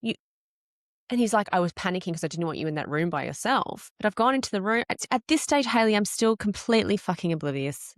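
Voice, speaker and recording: A woman in her late thirties telling her personal story as a podcast guest, candid and animated, swearing casually. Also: medium pitch, quick pace, no room sound, clean studio sound. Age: 30s.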